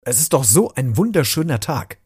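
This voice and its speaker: A man's voice: mid-range voice, sing-song, moderate pace, a little mellow, slightly rough, pitched above the performer's own voice. A man voicing a curious male lemur in a children's storybook reading.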